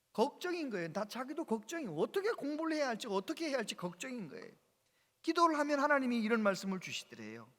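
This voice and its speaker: A male pastor telling a story in a sermon, animated and full of exclamations, through a church sound system. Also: high voice. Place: church sanctuary. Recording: reverberant church hall.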